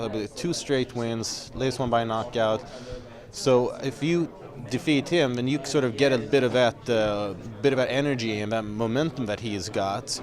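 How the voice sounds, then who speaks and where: A man runs a pre-fight interview, asking measured questions at an ordinary middle pitch. Small fillers and restarts break his questions.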